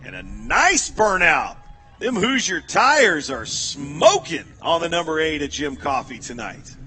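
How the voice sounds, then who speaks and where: Guy on the track PA calling results, high bright voice, gets the fans going. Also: unhurried. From United States. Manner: energetic, rallying the crowd. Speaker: race announcer. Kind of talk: public address race commentary.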